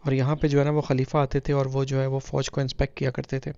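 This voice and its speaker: A man's voice: medium pitch, completely flat delivery, fast, mellow, highs cut off. A man giving casual travel vlog commentary at a historic site, rambling and heavy on filler phrases. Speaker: travel vlogger. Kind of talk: reflective voice-over narration.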